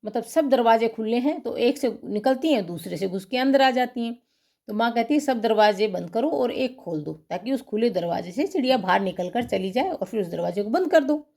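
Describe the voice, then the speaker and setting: A woman's voice: on the high side, animated, moderate pace, gravelly, warm tone. A woman teacher reading a textbook story aloud and then explaining each passage in simple words.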